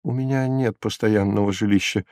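A man reading an audiobook and voicing a frightened young male prisoner who answers hoarsely and in haste. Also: mid-range voice, fairly even intonation, normal speed, darkish tone, dry recording, clean studio sound, natural voice. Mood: anxious. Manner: hasty, eager to please.

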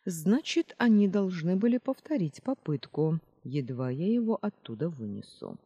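Woman reads calm male dragon, measured explainer, breathy, hall reverb. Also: fairly low pitch, dull audio, pitched above the performer's own voice, heavily acted. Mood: explaining. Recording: roomy reverb.

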